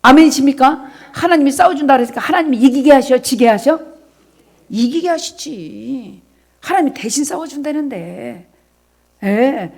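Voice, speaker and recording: A middle-aged woman pastor giving a sermon, moving between soft asides to the congregation and loud, shouted exhortation, and acting out God's words as direct speech. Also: high voice, lively intonation, moderate pace, creaky. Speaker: senior pastor.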